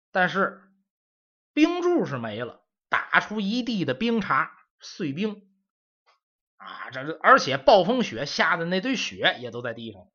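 A man's voice: fairly high pitch, bright, forceful tone, husky. A man telling a comic story in a chatty oral style, with asides to the listeners. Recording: dull lo-fi audio.

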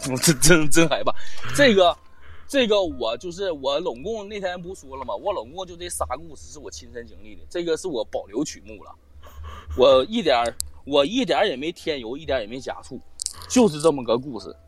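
A man's voice: a little high, a little fast. A man telling a ghost story in casual chat, swearing and acting out quoted lines. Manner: swearing, animated retelling with quoted dialogue. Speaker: storyteller guest on a live-stream show.

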